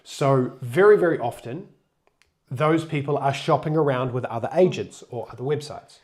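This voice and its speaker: A man's voice: medium pitch, normal speed. A man hosting a casual live stream, chatting loosely and jokingly while getting over a cold. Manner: chatty, loose, restarts and jokes. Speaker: co-host of a sailing channel live stream.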